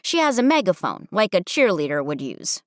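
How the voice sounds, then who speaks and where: A woman narrating a first-person audiobook with wry, expressive storytelling. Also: lowish voice, normal speed, dry recording, clean studio sound.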